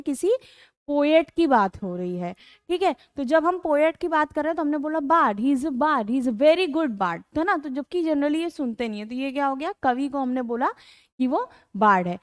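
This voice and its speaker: Indian woman tutor, high-pitched, dry recording, chatty code-mixed vocab lesson. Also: no echo. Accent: Indian English. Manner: Hindi-English code-mixing, addresses students as beta; rhetorical questions with "है ना?" tags. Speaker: English vocabulary teacher. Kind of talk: online exam-prep class.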